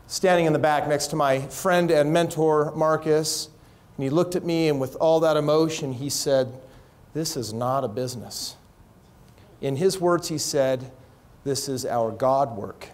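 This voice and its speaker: Animated high-voiced man giving a keynote. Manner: energetic, animated storyteller voicing others' quotes. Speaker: keynote speaker, company founder. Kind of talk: conference keynote storytelling. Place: conference hall stage.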